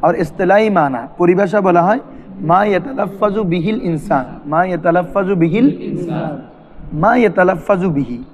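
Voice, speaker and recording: A man's voice: high-pitched, moderate pace, lo-fi sound, crowd noise. A man teaching a classroom grammar lesson, asking his students questions and repeating terms for them to answer. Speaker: madrasa teacher.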